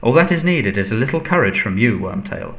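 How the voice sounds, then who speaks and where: Man acting a cold, hissing dark lord. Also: medium pitch, sing-song, fairly quick. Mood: menacing, resolute. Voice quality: soft, breathy, hissing. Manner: commanding, contemptuous. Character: cold, menacing, frail male dark lord.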